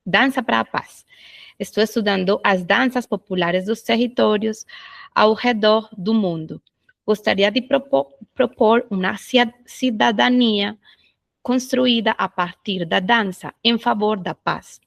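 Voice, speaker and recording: Colombian woman, halting second-language Portuguese. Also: medium pitch, creaky, no room sound. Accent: Colombian Spanish. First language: Spanish. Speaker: exchange student asking questions.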